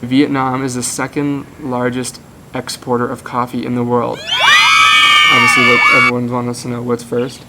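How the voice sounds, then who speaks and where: A man's voice: medium pitch, completely flat delivery, moderate pace, over a noisy crowd, very noisy. A young man from Canada chatting casually to camera in a travel vlog, explaining things as he goes. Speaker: travel vlogger.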